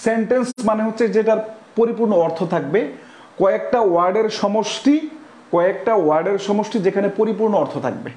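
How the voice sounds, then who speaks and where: Male Bangladeshi teacher, high voice, echoey classroom, repetitive quizzing lecture style. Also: a little mellow. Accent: Bangladeshi Bengali. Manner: repetitive, quizzing students with rhetorical questions; spells words out letter by letter. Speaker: English grammar teacher.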